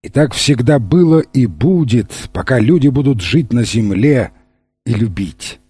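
A man narrates a blind bandit judge, gentle yet solemn, who weighs each word slowly in a husky, low-set voice. The sound is dry and close, with no room around it, as in a storybook read aloud. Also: expressive, no room sound. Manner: slow, soft and measured.

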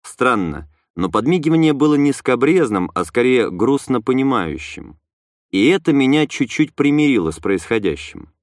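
A man narrating a first-person audiobook with a wry, expressive reading. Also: medium pitch, normal speed, dry recording, studio quality.

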